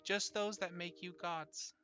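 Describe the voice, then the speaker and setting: Tabletop game: the game master doing a booming summoned herald, calm menace, bright and forceful tone. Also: soft background music. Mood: ominous. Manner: booming, measured threats.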